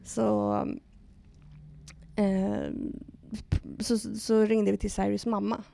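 Woman, podcast guest, very gravelly voice, dry close recording, animated storytelling, hesitant fillers. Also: mid-range voice, no echo. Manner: animated retelling with quoted dialogue and many fillers. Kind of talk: personal storytelling conversation.

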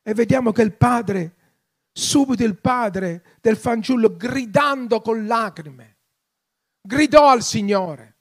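A man preaching a sermon, passionate, swelling into loud, emphatic appeals. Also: extremely high pitch, takes it slowly. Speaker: pastor.

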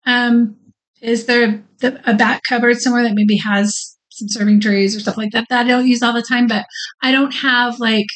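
Chatty woman with a higher voice. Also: flat delivery, moderate pace, a bit bright, low-quality recording. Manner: chatty storyteller, laughs easily. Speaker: podcast co-host. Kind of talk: casual chat.

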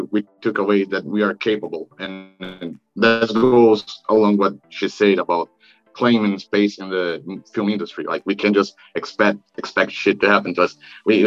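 Low-voiced man in an echoey, muffled recording. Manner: halting, repeats words, blunt swearing. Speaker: guest filmmaker. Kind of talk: casual interview answers. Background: music.

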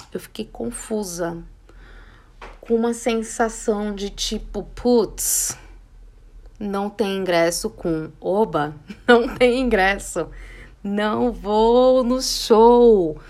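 A young Brazilian woman from the São Paulo area hosts a podcast, telling a story casually and acting out the dialogue with lively voices. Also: medium pitch. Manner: animated, acts out quoted dialogue. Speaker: podcast host.

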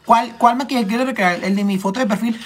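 A man with a Mexican accent chatting casually on a makeup livestream, clearing his throat as a cold starts, affectionate and full of slang with his viewers. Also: extremely high pitch, fairly quick, a little hiss or hum. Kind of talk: casual live-stream chat reading comments.

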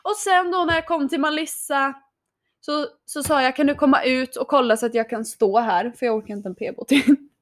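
A young woman chatting casually, telling an animated story, laughing often and acting out what people said. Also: sits high.

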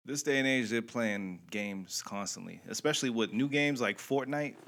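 A man's voice: medium pitch, moderate pace, very noisy. A man co-hosting a casual podcast chat, laid-back, often repeating his own phrases. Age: adult with a family. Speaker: podcast co-host.

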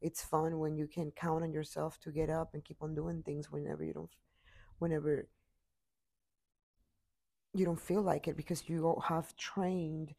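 Low gravelly woman, tired, pep-talking into her computer mic, mellow tone. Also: little pitch movement, normal speed, long pauses. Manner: earnest, repetitive, pep-talk delivery. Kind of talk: motivational talk to camera.

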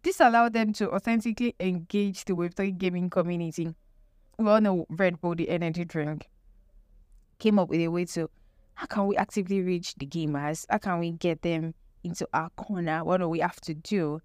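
A woman's voice: lowish voice, steady tone, normal speed, darkish tone, no echo, studio quality. A woman presenting an explanatory lesson with tips, emphatic, repeating key phrases and posing rhetorical questions. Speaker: presenter teaching marketing tips.

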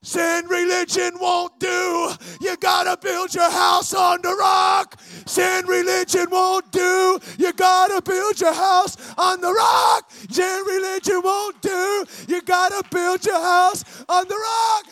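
A man's voice: very high voice, level tone, slow, hardly any pauses, bright, forceful tone, shouting, faint music behind, pitched above the performer's own voice, heavily acted. A man voicing an earnest male traveling evangelist who stammers and repeats words. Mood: fiery preaching.

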